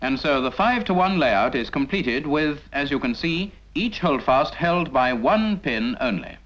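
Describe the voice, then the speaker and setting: This British man's voice sits at medium pitch, expressive and unhurried, with a slightly bright tone. He narrates a scripted 1950s military training film as instruction aimed directly at the trainee, lecturing didactically and asking rhetorical questions. The recording is a dull 1950s film soundtrack.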